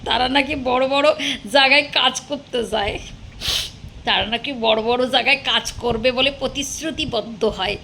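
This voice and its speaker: Female vlogger, high and bright, sarcastic and scolding, faint background hiss. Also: normal speed, creaky. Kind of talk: angry rant to camera.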